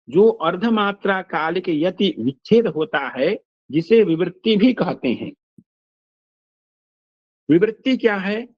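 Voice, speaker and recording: An older man teaching Sanskrit phonetics in a slow, measured lecture, pausing to recite verses and examples. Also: sits high, no echo. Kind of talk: lecture explaining a text line by line. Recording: dull, lo-fi dry recording.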